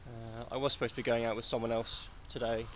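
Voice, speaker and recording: A man's voice: mid-range voice, little pitch movement, quick pace, a bit bright. A young English man talking casually to a camera on his bike outdoors, out of breath from the climbs. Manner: chatty, breathless between climbs. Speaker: cycling vlogger. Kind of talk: casual vlog talk to camera. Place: outdoors on a bike on country lanes. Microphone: action camera on the bike, close. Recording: wind and road noise behind.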